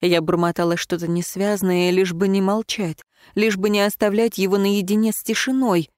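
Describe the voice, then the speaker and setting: A woman reading first-person fiction aloud in an expressive, emotional way. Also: mid-range voice, normal speed, dry recording, studio quality. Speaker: audiobook narrator.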